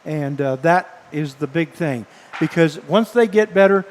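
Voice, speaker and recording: A man broadcasting baseball, signing off live from the press box, speaking haltingly and earnestly with many fillers, emotional and choked up. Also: fairly high pitch, a little hiss or hum. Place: press box above a ballpark. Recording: long hall-like reverb.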